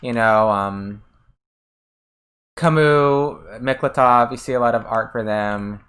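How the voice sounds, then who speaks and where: Slow and medium-pitched, with a slightly bright tone, this voice belongs to an American streamer chatting casually while playing a game. They answer chat messages between gameplay, often trailing off and restarting.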